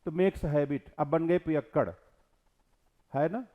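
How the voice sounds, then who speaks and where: A man's voice: on the high side, unhurried, highs cut off. A middle-aged male teacher gives a classroom lecture, explaining verses line by line and answering his own questions.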